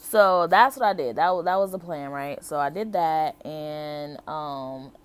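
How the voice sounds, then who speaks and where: With a low, clear and resonant voice, a young adult woman from Buffalo, New York, and Las Vegas tells her viewers her life story in an unhurried way. She sounds candid and conversational, often repeating herself for emphasis.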